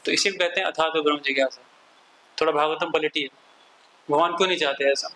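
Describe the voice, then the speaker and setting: Bright-voiced Indian man teaching scripture. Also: on the high side, fairly even intonation, fast talker, low-quality recording. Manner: mixes Hindi and English, quotes Sanskrit verses. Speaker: spiritual teacher. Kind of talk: scripture class lecture.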